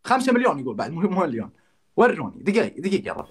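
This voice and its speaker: A man's voice: a little high, huge pitch swings, rapid-fire, slightly rough. A man hosting his own live stream, rallying his supporters and calling out donors by name. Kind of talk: live-stream battle banter.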